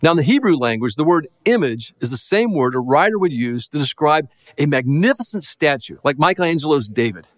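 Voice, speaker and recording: A middle-aged man, a pastor, preaching a sermon in a lively, conversational way with self-deprecating jokes. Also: fairly high pitch, fairly quick, few pauses.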